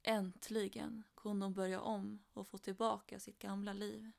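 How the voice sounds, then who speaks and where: A woman narrating a true crime story in a steady, flat retelling. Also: mid-range voice, vocal fry.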